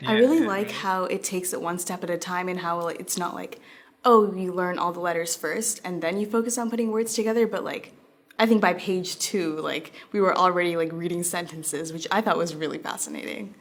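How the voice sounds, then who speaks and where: A young woman student talking in a relaxed, chatty interview, with many fillers. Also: lowish voice, brisk. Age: young adult. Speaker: student in the program. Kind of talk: interview testimonial.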